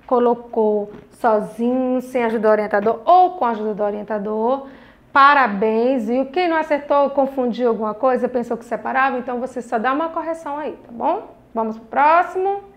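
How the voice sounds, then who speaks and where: Brazilian teacher lady, high bright voice, slow and patient, stretches out words for little kids. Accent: Brazilian Portuguese. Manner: slow, drawn-out syllables, encouraging and patient. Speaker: primary school teacher. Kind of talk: recorded video lesson for children.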